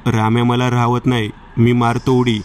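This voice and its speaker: A man's voice: medium pitch, monotone, normal speed, a little mellow, slight background noise, natural voice. A man voicing a hot-headed, impatient young man. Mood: angry. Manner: angry, impatient outbursts.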